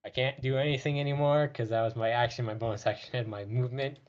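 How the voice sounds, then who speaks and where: A man's voice: mid-range voice, steady tone, quick pace, highs cut off. A man playing a tabletop role-playing game, talking casually through his moves. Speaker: player in a tabletop RPG.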